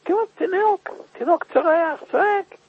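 Man preaching a story, really high pitched and gravelly, gets worked up, lo-fi sound. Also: no echo. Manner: emotional, swings to loud high cries. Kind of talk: storytelling sermon.

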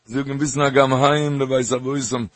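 Man, husky voice; halting, repetitive Torah talk that swings into sing-song emphasis. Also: mid-range voice, steady tone. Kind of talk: Yiddish-flavored Torah talk with stories.

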